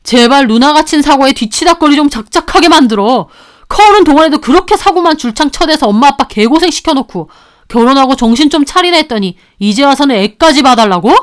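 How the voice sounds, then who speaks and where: A woman doing an angry shouting husband. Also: high voice, animated, brisk. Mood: indignant. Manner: indignant, shouting. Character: angry young husband scolding his sister.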